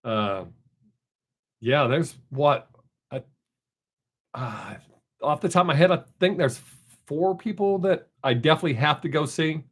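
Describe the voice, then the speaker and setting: His voice sits on the high side and sounds animated, though he talks a little slowly with long pauses. This middle-aged man from the American South hosts a casual stream on a desk microphone, rambling, chatting with viewers, and reading chat aloud.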